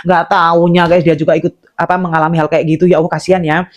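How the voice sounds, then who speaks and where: A woman's voice: lowish voice, little pitch movement, quick pace, dull audio. A middle-aged woman from Indonesia telling a personal horror story in a chatty way, filling it with fillers and calling her listeners "guys".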